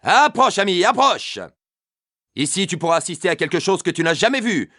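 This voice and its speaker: A man's voice: high voice, very animated, moderate pace, bright, forceful tone, no room sound, exaggerated voice. An actor playing a theatrical male arena announcer and bookmaker in a video game, working the crowd and coaxing punters. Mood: coaxing, hawking.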